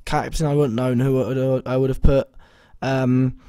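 Mellow, slightly hoarse young man. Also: mid-range voice, flat delivery, moderate pace, no echo. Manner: rambling, hesitant, full of ums and self-corrections. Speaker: fantasy football vlogger. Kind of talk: casual video commentary.

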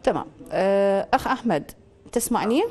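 A woman's voice: medium pitch, lively intonation, fairly quick, a little mellow. A woman with an Iraqi accent hosting a call-in astrology show. She quizzes a caller with probing questions, then gives confident pronouncements over a studio mic. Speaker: astrologer host.

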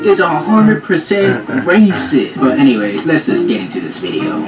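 A man's voice: on the high side, huge pitch swings, normal speed, loud music behind the voice. A man doing an impression of a smug young male YouTube reactor who rambles in a chatty, self-assured way.

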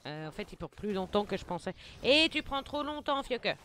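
A woman hosting her gaming channel, giving excitable play-by-play commentary, taunting enemies and muttering to herself, jittery from too much coffee. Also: medium pitch, fairly quick, a little hiss or hum. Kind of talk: live gameplay commentary.

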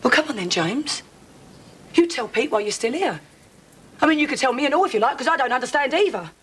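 An actress playing a furious middle-aged woman, confronting an unwanted man in a TV drama, sharp and sarcastic. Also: sits high, expressive, fast, a little hiss or hum, poor audio. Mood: cold, scornful. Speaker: soap opera character. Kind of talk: broadcast TV drama acting.

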